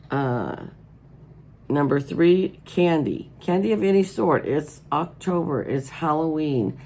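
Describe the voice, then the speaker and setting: A middle-aged American woman hosts a casual vlog in a hoarse, stuffed-up voice. There is a strong gravelly creak in her speech. A faint noise sits behind her as she talks indoors at a table. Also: deep voice, darkish tone. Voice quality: froggy, hoarse. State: congested with allergies. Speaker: host of a colouring channel.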